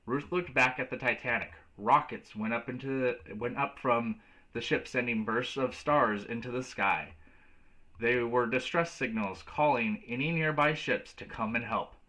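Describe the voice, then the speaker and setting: A man reading a children's storybook aloud as a teacher, in a clear storytelling delivery. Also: medium pitch, measured pace, bright, forceful tone.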